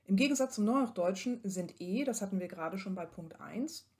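A woman lecturer giving a recorded lesson, reading verse with careful expression and then explaining calmly with some pauses. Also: medium pitch. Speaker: university lecturer.

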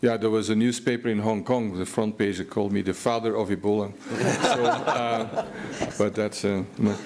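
A man's voice: on the low side, fairly even intonation, moderate pace, crowd noise. A man in his sixties on a conference panel, answering questions hesitantly with many fillers and restarts. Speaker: panelist, virus researcher. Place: large conference hall on stage. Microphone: headset mic.

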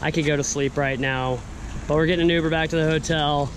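A young man with a slightly high voice chats casually to a camera held at arm's length. He is upbeat and enthusiastic, using plenty of slang. Clear background noise runs behind him on the action-camera sound. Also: fairly even intonation, fast. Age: young adult. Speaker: vlogger and skateboarder. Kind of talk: casual vlog talk to camera.

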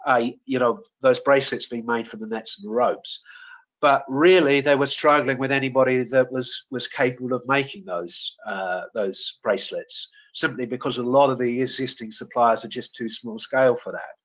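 A man's voice: medium pitch, moderate pace, fairly bright tone. A man presenting in a webinar and answering questions, with many fillers and restarts. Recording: dull lo-fi webinar audio.

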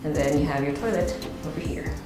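This house tour host is a low-voiced Filipino woman who talks fairly quickly, chatting off the cuff and dropping into Tagalog now and then as she presents the property on foot. She moves through empty indoor rooms and a stairwell, and the bare spaces echo. Her wireless body mic has its pack clipped at her waist, and background music runs under her voice.

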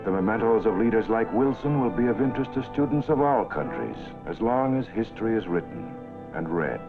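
A man narrating an old newsreel in a formal, measured announcer delivery, with the sound of an old film soundtrack. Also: lowish voice, very animated, creaky. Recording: tinny lo-fi 1940s film soundtrack with music.

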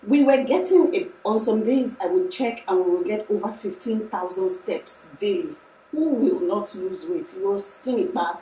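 A woman's voice: mid-range voice, moderate pace, reverberant, distant mic, a little hiss or hum, rough recording. A young Nigerian woman talking casually and emphatically to camera in a room, as a lifestyle vlogger. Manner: chatty, animated, emphatic. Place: room indoors.

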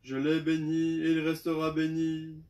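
A man's voice: fairly high pitch, lightly acted. Isaac, a man reading an old blind father. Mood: solemn. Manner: flat, measured liturgical reading. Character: old blind father giving a solemn blessing.

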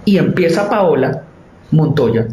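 Animated man telling a story. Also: a little high, slow pace, roomy sound. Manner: animated, acts out the voices of others. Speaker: theater director. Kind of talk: storytelling interview.

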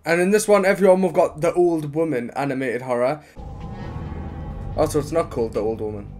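A man's voice: on the high side, fairly quick, a little mellow, faint music behind. A young man giving casual, incredulous, exclaiming reaction commentary on horror videos over a headset mic. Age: young adult.

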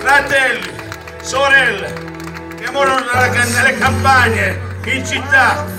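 A man addresses a festival audience with halting, heartfelt declamation. His voice is strained very high and comes slowly through a distant PA, with music behind. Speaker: amateur stage performer. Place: outdoor festival stage at night. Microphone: handheld PA microphone, recorded from the audience. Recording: distant phone, PA, music and crowd.

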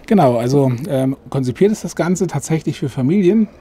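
Middle-aged salesman, mellow and fairly high. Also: lively intonation, a little fast, breathy edge. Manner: pitching, filler-heavy with frequent ähm. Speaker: sales manager of a camper maker. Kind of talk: product walkthrough. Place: inside a camper van at an indoor trade fair.

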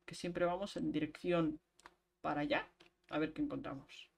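A woman's voice: sits low, fairly even intonation, vocal fry, darkish tone. Chatty streamer woman. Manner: chatty, talks to chat while playing, quick laughs. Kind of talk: casual gameplay chat.

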